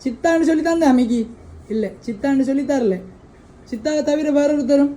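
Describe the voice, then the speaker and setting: A woman's voice: sits high, brisk, mellow, rough recording. A woman hosting a birthday surprise delivery, coaxing a child with repeated questions.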